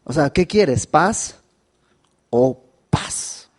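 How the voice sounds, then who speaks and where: Mexican pastor guy preaching verse by verse, lively, kinda high voice, keeps asking the crowd stuff. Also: very slow, husky. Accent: Mexican Spanish. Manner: animated, with dramatic pitch swings and asides to the listener. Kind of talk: verse-by-verse Bible teaching sermon.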